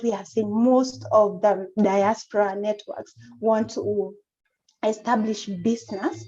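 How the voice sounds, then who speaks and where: A woman speaking as a panelist on a video call, measured and often correcting herself. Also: mid-range voice, darkish tone. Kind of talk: online panel discussion. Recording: muffled lo-fi video-call audio.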